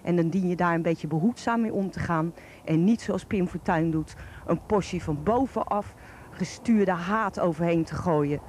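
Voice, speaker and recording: A woman's voice: fairly low pitch, moderate pace, darkish tone. A middle-aged woman with a broad Rotterdam Dutch accent, reading an opinion column aloud in a blunt, colloquial, colourful manner. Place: outdoors on a park bench. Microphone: handheld microphone held close. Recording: faint outdoor background noise.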